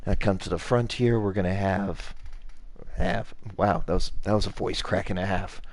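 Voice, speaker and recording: This young channel host has a low-pitched voice, speaking a little fast with fairly even intonation and no echo. He rambles casually through a block-building game tutorial, talking through each step and mocking himself along the way.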